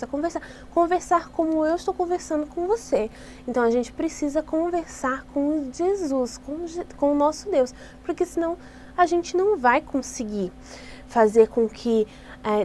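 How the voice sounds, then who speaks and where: High-voiced Brazilian woman teaching. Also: warm tone, slight background noise. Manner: chatty, explanatory, frequent restarts and tag questions. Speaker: Sunday school teacher trainer. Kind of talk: informal teaching tutorial.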